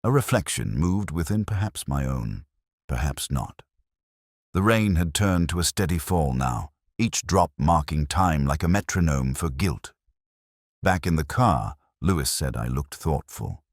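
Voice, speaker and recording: In an exaggerated, expressive full character voice, a man portrays a melancholy, brooding English police detective telling his case first-person. His extremely deep delivery is measured, somber and reflective with melodic rises and falls, like an audio crime drama, in dry, close sound with no echo.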